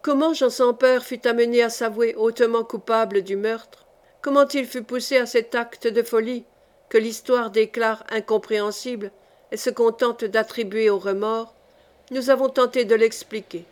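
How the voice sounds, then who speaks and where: A woman narrating a historical novel as an audiobook, in a measured, dramatic reading. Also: fairly high pitch, steady tone, darkish tone.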